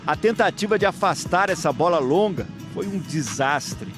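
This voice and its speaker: A man's voice: on the high side, animated, normal speed, over music. A Brazilian man narrating a scripted football recap.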